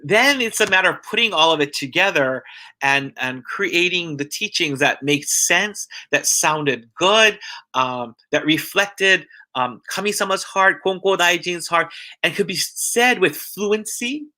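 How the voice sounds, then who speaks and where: Earnest, bright-voiced male church minister. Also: high voice, animated. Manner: earnest, heartfelt, halting with frequent restarts. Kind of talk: informal religious mini-lesson.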